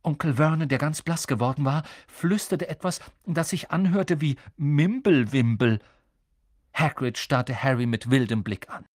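A man narrating an audiobook with dramatic, lively storytelling. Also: fairly high pitch, a little slow, dry recording, studio quality. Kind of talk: scripted narration.

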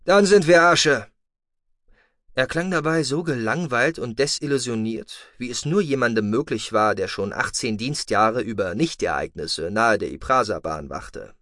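A man narrating a science-fiction audiobook in an expressive storytelling manner. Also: mid-range voice, moderate pace, hardly any pauses, no room sound, clean studio sound. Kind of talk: scripted narration.

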